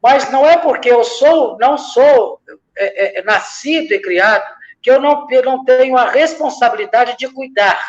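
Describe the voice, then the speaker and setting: In a church discussion, a man from Minas Gerais, Brazil, who is a lay missionary, reflects aloud, stacking parallel examples and hesitating often. He speaks at a moderate pace in a very high-pitched voice, recorded in dull lo-fi quality.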